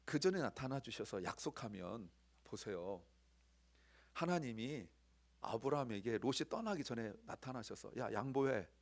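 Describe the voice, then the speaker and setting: A man preaching a sermon as pastor, animated, swinging from loud emphasis to near whispers. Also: medium pitch, moderate pace. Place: church sanctuary.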